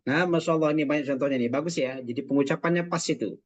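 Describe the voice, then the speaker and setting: A man teaching Quran recitation in an online class, patiently correcting students and modeling each sound slowly. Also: on the high side, no room sound. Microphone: video call.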